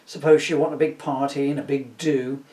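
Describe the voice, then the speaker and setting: A man's voice: mid-range voice, flat delivery, normal speed, warm tone, natural voice. A man voicing a sardonic, henpecked, foul-mouthed Christmas ghost in a comic audiobook, rambling and complaining in mock-archaic words. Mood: grumbling. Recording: roomy, echoey, distant microphone.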